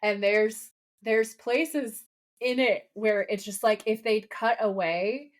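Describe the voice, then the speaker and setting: A woman's voice: fairly high pitch, takes it slowly. Chatty woman podcaster. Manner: chatty and enthusiastic, many fillers. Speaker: podcast co-host. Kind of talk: casual chat.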